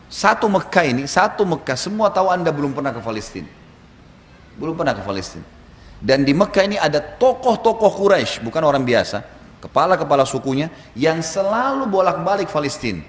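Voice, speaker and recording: A male preacher telling a story to his congregation in a sermon, with animated delivery. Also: on the high side. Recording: echoey hall, faint background noise.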